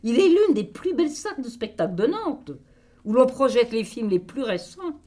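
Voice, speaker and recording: A woman's voice: a little high, big pitch swings, normal speed, dark tone. A woman reading scripted, dramatic narration for a radio serial.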